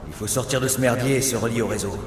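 An actor playing a tense, practical soldier in a French video game cutscene. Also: male voice, medium pitch, quick pace, lightly acted. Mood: tense, urgent. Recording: echoey, distant, clearly noisy.

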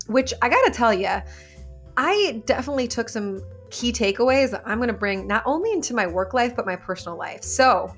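A woman's voice: mid-range voice, fairly bright tone. A woman in her thirties hosts a casual podcast chat, upbeat and enthusiastic. She speaks close into a studio mic in a small room, with faint music behind her. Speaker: podcast host. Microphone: large studio mic on a boom.

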